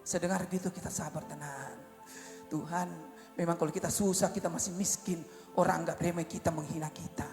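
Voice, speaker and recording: A male evangelist preaching a storytelling sermon, swinging from loud cries to low asides, in an echoey church hall with faint music. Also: steady tone, brisk. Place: church service.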